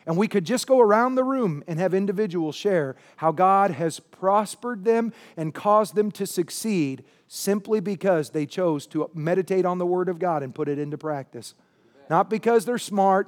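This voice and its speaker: High-voiced man in his thirties preaching. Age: 30s. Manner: emphatic preaching with asides and laughter. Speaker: pastor. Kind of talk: sermon. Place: church sanctuary.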